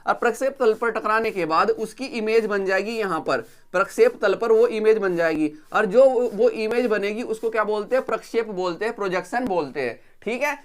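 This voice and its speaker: A man's voice: high voice, fairly quick, hardly any pauses. A man teaching engineering drawing, explaining each term and then repeating it, often asking the class what it is called before answering. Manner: repeats each term and asks rhetorical questions to drill it.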